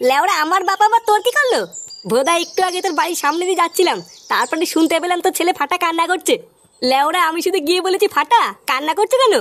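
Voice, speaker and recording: A very high, quick woman's voice rattles through the rowdy, crude back-and-forth of a comedy cartoon. She plays many characters with the same loose comic energy. A faint hiss sits under the recording. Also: a bit bright. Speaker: cartoon voice artist.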